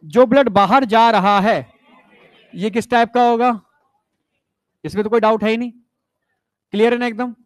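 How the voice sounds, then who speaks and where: Male biology teacher, very high voice, coaxing classroom manner, dry close recording. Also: steady tone, normal speed, long pauses, no echo. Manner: coaxing, keeps asking if students understood; mixes English science terms into Hindi. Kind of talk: classroom lecture.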